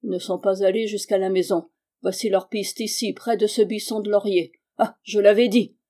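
A woman reading the lines of a sharp, brisk male detective in a clipped, decisive way. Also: medium pitch, steady tone, close to an everyday voice.

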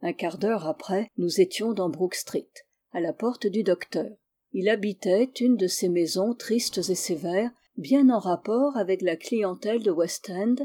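A woman reading a story aloud as narrator, in a steady, even storytelling manner. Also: medium pitch. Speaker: audiobook reader. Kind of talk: scripted narration.

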